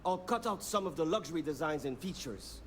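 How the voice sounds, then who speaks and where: A man's voice: on the high side, lively intonation, brisk, a little hiss or hum, natural voice. An actor playing a grudging, wry man on a design team in a video game. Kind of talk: scripted game dialogue.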